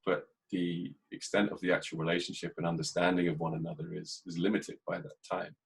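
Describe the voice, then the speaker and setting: An English man hosting a podcast, talking in a casual, reflective way and keeping a dry, even tone even when he jokes. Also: low-pitched, a little fast, gravelly, husky, rough recording. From England. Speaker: podcast host. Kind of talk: casual conversation.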